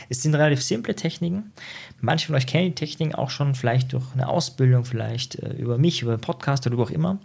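A male psychologist giving a motivational self-help lesson in a slightly husky, mid-pitched voice. He speaks directly to the listener and checks in often with short tag questions. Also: a little mellow. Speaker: psychologist and coach.

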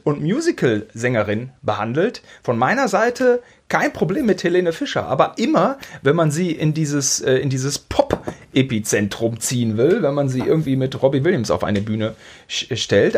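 A man's voice: mid-range voice, sing-song, normal speed, a little mellow, husky. A man co-hosting a podcast in casual chat, talking in a rambling, tongue-in-cheek way. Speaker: podcast co-host.

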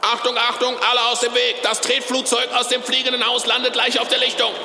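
A performer voices a cheerful cartoon pilot who calls out plane cabin announcements in a playful, bossy, mock-formal way, as in a children's audio play. The voice sits at a middling height, neither notably high nor low. A clear layer of noise runs beneath it. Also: little pitch movement, a little fast, natural voice. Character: cheerful pilot character making captain's announcements to the crew.

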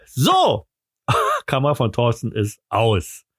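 A man with a German accent hosting a podcast in casual, teasing, excitable banter. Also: medium pitch, normal speed. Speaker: podcast host.

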